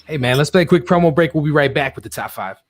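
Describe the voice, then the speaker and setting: A man hosting a radio show in a relaxed way, giving shout-outs and plugging what's coming up. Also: a little high, very noisy. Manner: laid-back, quick reactions and laughs.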